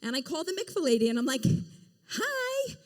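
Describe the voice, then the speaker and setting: A chatty woman addresses a big audience in an event hall with a fairly high, bright voice. She keeps things playful, tossing quick questions to the crowd. A long reverb trails her words through the large room. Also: expressive. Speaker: event speaker. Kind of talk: lively storytelling talk to a live audience. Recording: echoey hall sound.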